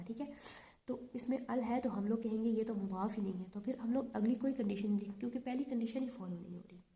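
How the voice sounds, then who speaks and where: A woman's voice: medium pitch, creaky, warm tone. A woman teaching a grammar lesson, stepping through examples methodically and repeating each check aloud.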